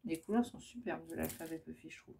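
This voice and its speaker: A woman's voice: low-pitched, fast, gravelly, dark tone, a little hiss or hum. A woman chatting casually as she shows off her scrapbooking crafts, hesitant and full of fillers. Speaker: scrapbooking vlogger. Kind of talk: casual show-and-tell.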